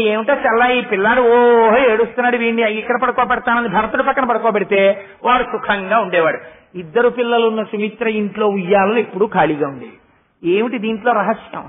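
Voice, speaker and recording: Middle-aged male spiritual speaker, very high voice, tinny narrow sound, animated storyteller. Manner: animated storytelling, rhetorical questions to the audience. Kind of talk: Telugu religious discourse.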